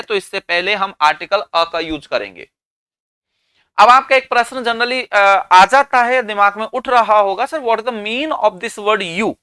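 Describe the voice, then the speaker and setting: Bright crisp Indian teacher, self-quizzing. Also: male voice, sits high, no echo. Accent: Indian English. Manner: explains slowly, asks and answers his own questions. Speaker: English teacher. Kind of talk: classroom grammar lesson.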